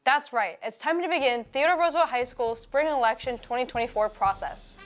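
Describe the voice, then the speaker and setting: High-pitched teenage girl reading announcements. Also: brisk. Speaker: student announcer of high school morning announcements. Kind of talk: scripted school announcements.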